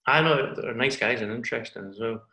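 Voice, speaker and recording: A man's voice: medium pitch, brisk, pushed and bright, reverberant, low-quality recording. A Scottish man hosting a casual interview, asking long, curious, winding questions. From Scotland. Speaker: podcast host.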